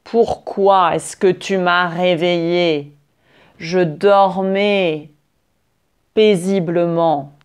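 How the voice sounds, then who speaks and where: A woman voicing a big, furious male lion who talks loudly and gruffly. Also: fairly even intonation, very slow. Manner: loud, booming, gruff.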